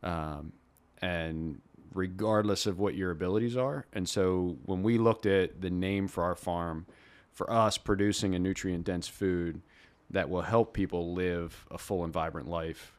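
A man in his thirties, a farmer who is a guest on a podcast, explaining things in a relaxed and earnest way. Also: low-pitched, unhurried, clear, resonant tone. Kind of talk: casual interview.

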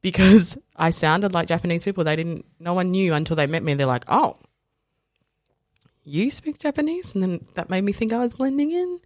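In a clean studio recording without room sound, a woman with a lowish voice speaks briskly. The South African-born, Australia-raised podcast guest tells stories in relaxed conversation, acting out other people's lines and often using fillers and correcting herself.

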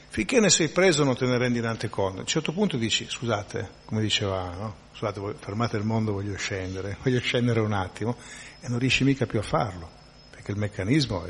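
A man with a fairly low voice gives a spiritual lecture, talking it through conversationally and often checking that listeners follow. His voice carries a long reverb, with a faint hum of noise underneath. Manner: conversational, frequent tag questions and restarts. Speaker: teacher of a devotional class.

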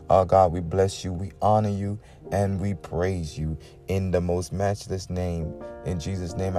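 A man from the Bahamas, his voice sitting low with a dark tone, leads a morning prayer as a preacher. His devotional talk and extemporaneous prayer are earnest, exhorting, full of repeated invocations and amens.

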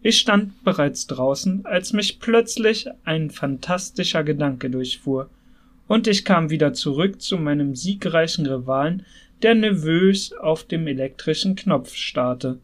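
A man's voice: a little high, expressive, a little slow. A man narrating a novel as an audiobook, reading expressively with strong emotion in the first person. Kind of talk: scripted literary narration.

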